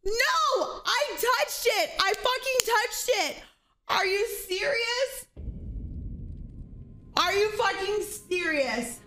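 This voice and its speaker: A woman's voice: extremely high pitch, lively intonation, slow pace, background noise. A young woman streaming a game, shrieking in incredulous, foul-mouthed rage. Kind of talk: live gameplay rant.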